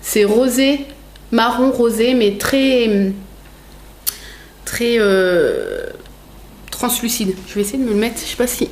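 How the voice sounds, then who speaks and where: A woman's voice: a little high, big pitch swings, slow pace, pauses often, darkish tone, a little hiss or hum. A woman vlogger chatting casually at home while opening gifts, rambling with many fillers, self-corrections and frequent laughter. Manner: laughs often, playful teasing. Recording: roomy echo.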